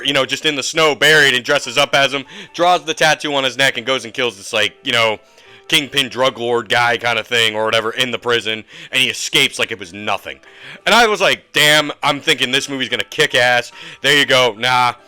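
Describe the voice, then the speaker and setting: A man's voice: mid-range voice, bright, forceful tone, no room sound. A man giving a casual, rambling movie review rant with lots of fillers and frank asides. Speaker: host.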